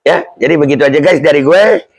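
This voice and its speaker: A man's voice: a little high, quick pace, gravelly, breathy edge. A man, hosting a casual news commentary channel, who reads the news aloud and answers his own rhetorical questions. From Indonesia.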